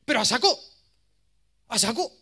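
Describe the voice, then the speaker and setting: A man in his thirties with an accent from Spain, giving a course lecture as a lively, self-mocking storyteller. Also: very high-pitched, moderate pace, creaky. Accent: Spain Spanish. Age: 30s. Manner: animated, self-mocking, jokey.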